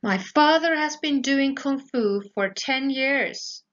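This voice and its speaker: A woman's voice: high-pitched, takes it slowly, a bit bright, highs cut off. A woman, an English teacher explaining grammar patiently step by step, often checking in with her pupils. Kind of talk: recorded grammar lesson for pupils.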